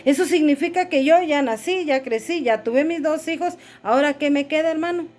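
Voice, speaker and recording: A woman's voice: high-pitched, a little fast, a little mellow, faint music behind. A middle-aged woman pastor preaching a sermon, calling listeners "brother" and asking rhetorical questions.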